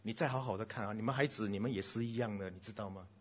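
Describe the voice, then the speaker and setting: A man preaching a sermon to a congregation, switching between loud exclamations and hushed lines, slipping in English phrases and speaking directly to the children. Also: on the low side, racing, highs cut off, slight background noise.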